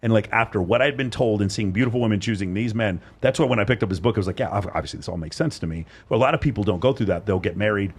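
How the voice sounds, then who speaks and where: A man's voice: lowish voice, racing, hardly any pauses, husky. A man co-hosting a casual interview chat, talking bluntly and rambling, with frequent swearing. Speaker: co-host interviewing women.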